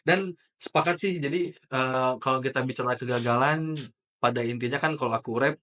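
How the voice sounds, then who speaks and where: Male host, mid-pitched, relaxed and reflective. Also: brisk. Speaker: podcast host. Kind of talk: casual podcast chat.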